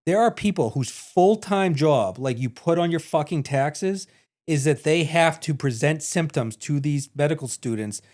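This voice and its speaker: A man's voice: on the high side, animated, normal speed, a little mellow. A man co-hosting a casual podcast chat, telling loose, profane stories full of fillers. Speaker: podcast co-host.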